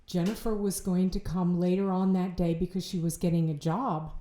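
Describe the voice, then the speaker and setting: A middle-aged woman, telling a personal story as a podcast guest in a halting way, with restarts and repeated words. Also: on the low side, level tone, warm tone. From Ohio, United States. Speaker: bereaved mother, podcast guest. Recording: roomy echo.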